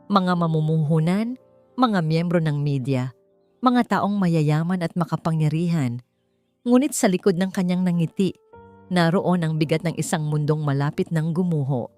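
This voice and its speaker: A female narrator performs a romance audiobook in an expressive storytelling voice that lifts at dramatic points. The recording has no echo and carries faint background music.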